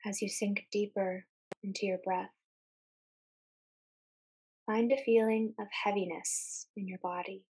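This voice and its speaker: A woman guides a meditation with a calm, soothing, soft voice at medium pitch with a breathy edge. She speaks in short phrases separated by pauses, and the recording is rough.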